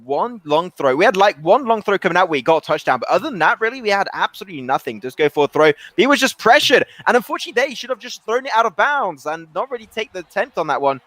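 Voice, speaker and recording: A man doing excitable play-by-play commentary on an esports football match, often restarting his sentences. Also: sits high, no room sound. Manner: rapid, excitable calls with frequent restarts.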